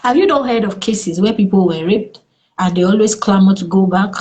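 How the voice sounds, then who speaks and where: A Nigerian woman speaking as a therapist in an interview, earnest and lively, with exclamations in her stories. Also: medium pitch, a little fast, highs cut off. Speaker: therapist guest. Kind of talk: interview conversation.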